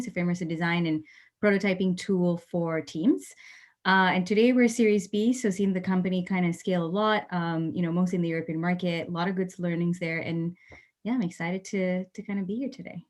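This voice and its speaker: A woman's voice: fairly low pitch, darkish tone. A woman from Malaysia, a marketing executive, introducing herself on a panel in an upbeat way. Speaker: panelist, marketing vice president. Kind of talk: casual panel talk.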